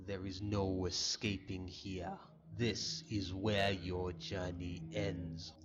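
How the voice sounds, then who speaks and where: A man voicing a threatening demon through a pitch-shifted demonic effect, speaking slowly and ominously. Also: little pitch movement, lo-fi sound. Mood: menacing. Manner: slow, ominous.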